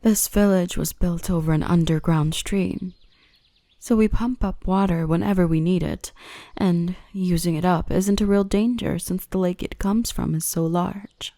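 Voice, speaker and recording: Speaking up close in a caring, often half-whispered tone, a woman voices a softly dominant, nurturing dark elf for an ASMR roleplay, gentle and reassuring throughout. Her voice is on the low side and gravelly, recorded dry.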